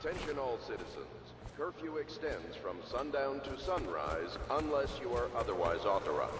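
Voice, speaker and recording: Stern city loudspeaker announcer. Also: male voice, medium pitch, very animated, moderate pace, noisy background. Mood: official. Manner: formal, clipped official announcements. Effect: heard through a public loudspeaker. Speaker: public announcer. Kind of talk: video game voice acting. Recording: echoey loudspeaker across open streets.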